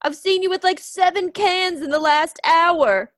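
A woman's voice: very high voice, measured pace, fairly bright tone, no room sound, clean studio sound. A woman playing a heartbroken male balloon-business partner in improv comedy, speaking in a wounded, earnest way.

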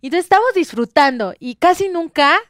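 A woman telling a lively personal story in casual chat, laughing and acting out quoted lines. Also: high voice, a little fast, no room sound, clean studio sound. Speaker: guest.

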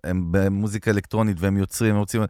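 A man's voice: fairly low pitch, little pitch movement, a little mellow, clear, resonant tone, dry recording, clean studio sound. A man hosting a podcast, joking around with brash banter while asking questions. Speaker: podcast host. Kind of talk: casual podcast conversation.

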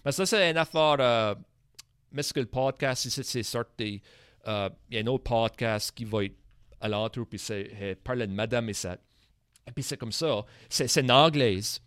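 A man's voice: medium pitch, a bit bright, clean tone, no echo. Acadian male podcast host, hesitant delivery, dry close recording. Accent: Acadian French. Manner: hesitant, halting, with many restarts. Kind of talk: casual chat.

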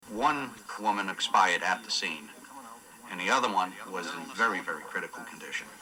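A man, a police sergeant giving a measured, formal documentary interview. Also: deep voice, expressive, sharp tone, rough recording. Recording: archive TV clip with music.

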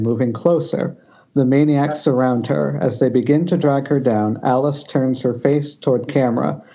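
A man with a mellow, medium-pitched voice reads screenplay directions for a group table read held informally on Skype. He occasionally trips and begins again, and the internet-call audio comes through dull and noisy.

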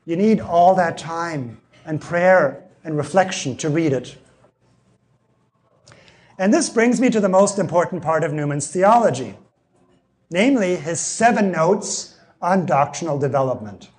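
A man with a high-pitched voice lectures to an evening audience on theology. His voice is going hoarse, and he keeps clearing his throat. He works through his points by restating key phrases and checking in with "see?". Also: darkish tone.

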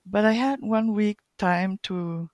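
A woman's voice: medium pitch, takes it slowly, a little mellow, dry recording, clean studio sound. Middle-aged woman from Chile and Colombia. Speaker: guest catechist. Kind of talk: casual interview.

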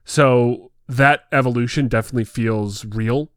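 Smooth, dry-voiced young man, excited. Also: mid-range voice, unhurried, no echo. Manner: enthusiastic storyteller who swears and acts out scenes. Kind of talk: casual film discussion.

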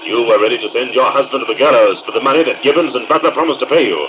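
A man's voice: medium pitch, rapid-fire, natural voice. An actor playing a mysterious, accusing male avenger in an old radio drama, taunting and commanding. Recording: muffled, noisy old radio recording.

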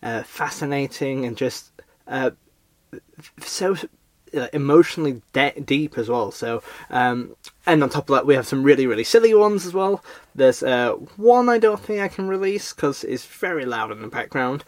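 A man's voice: medium pitch, expressive, moderate pace, no room sound. A hungover, sleepy man hosting a podcast in casual chat, hesitant, rambling and self-deprecating. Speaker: podcast host.

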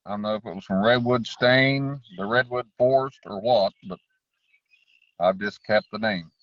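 A man's voice: fairly low pitch, normal speed, dry recording, dull audio. A man telling stories casually in a folksy, rambling way as an interview guest. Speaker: interview guest, raccoon hunter. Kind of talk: casual storytelling.

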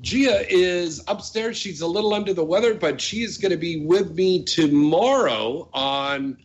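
Man, casual radio host, bantering, raised pitch, slightly dull sound. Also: measured pace. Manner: jokey, bantering. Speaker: talk show host.

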